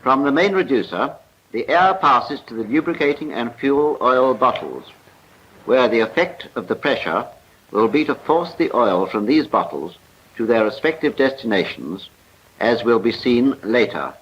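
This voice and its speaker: Speaking at medium pitch with an expressive, slightly bright delivery and moderate pace, a British man voices a precise, formal script evoking a 1940s military training film. It was recorded as film voice-over and carries a muffled, noisy 1940s soundtrack quality.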